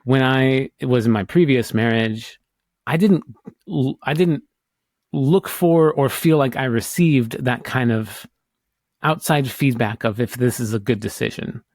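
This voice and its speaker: A man's voice: mid-range voice, unhurried, darkish tone, dry recording, studio quality. A man from the United States co-hosting a podcast, talking in a casual, hesitant, rambling way with many restarts. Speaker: podcast co-host. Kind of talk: casual chat.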